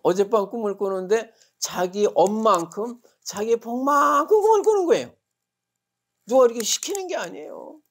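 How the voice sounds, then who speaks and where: A man's voice: sits high, expressive, moderate pace, fairly bright tone, husky. A male Buddhist monk giving a dharma talk, telling it vividly with rhetorical questions and acted-out quotes. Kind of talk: sermon.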